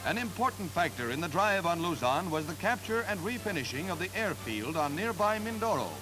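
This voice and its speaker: A man narrating war footage in brisk, emphatic 1940s newsreel style, with old newsreel sound. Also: high-pitched, big pitch swings, rough recording. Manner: brisk, emphatic announcer delivery. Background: loud music.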